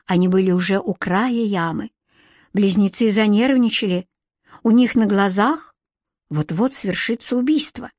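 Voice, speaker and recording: A woman reading a storybook aloud as narrator, lively and expressive. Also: mid-range voice, measured pace, no echo, studio quality. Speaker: audiobook narrator.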